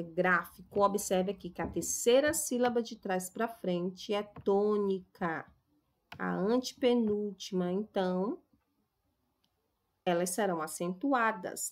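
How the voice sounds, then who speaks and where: Brazilian woman teacher explaining slowly. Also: medium pitch. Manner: explains slowly, stresses example words, checks in with "tá?". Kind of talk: recorded classroom lesson.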